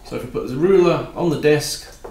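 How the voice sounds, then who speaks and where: A man giving a calm, practical woodworking tutorial while he works at a bench in his home workshop. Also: a little high, a little fast, echoey room, a little hiss or hum. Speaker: woodworking instructor.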